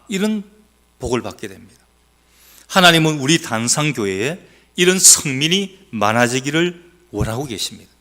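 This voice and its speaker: A male pastor with a mixed Gyeongsang accent preaching a sermon, teasing the congregation with questions and swinging between loud exhortation and quiet asides. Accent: Gyeongsang Korean, mixed. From South Gyeongsang, Korea. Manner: emphatic, rising to loud exhortation, then dropping low.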